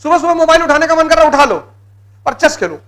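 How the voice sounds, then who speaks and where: Very high-pitched male motivational lecturer. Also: animated, fast, fairly bright tone. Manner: exhorting, blunt commands, repeats key words. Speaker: motivational speaker for exam students.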